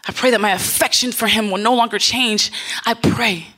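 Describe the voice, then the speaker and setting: A woman's voice: a little high, steady tone, moderate pace, pushed and bright. Woman performing a spoken word prayer. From Los Angeles. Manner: rhythmic, builds to passionate singing. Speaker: panel speaker and spoken word poet. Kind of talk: spoken word poem with sung hymn.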